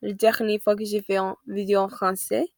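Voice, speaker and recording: A woman's voice: medium pitch, flat delivery, fairly quick, no room sound. A seventeen-year-old woman with an American accent and native English, chatting casually to viewers in a second language, hesitating as she searches for words and corrects herself. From United States. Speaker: vlogger.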